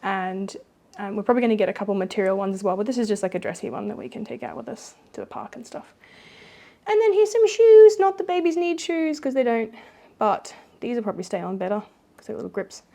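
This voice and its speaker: A woman's voice: mid-range voice, fast talker, vocal fry, darkish tone. A young woman giving a casual, rambling walkthrough of her baby's nursery at home, with lots of fillers. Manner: chatty, rambling, many fillers. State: pregnant, with hiccups. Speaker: vlogger.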